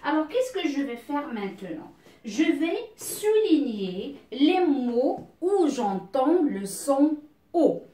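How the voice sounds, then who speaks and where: Patient woman teacher for beginner reading drills, slow and deliberate, in an echoey room. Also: sits high, big pitch swings, mellow, distant mic. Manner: patient, explains each step, asks herself questions aloud; draws out words slowly and clearly.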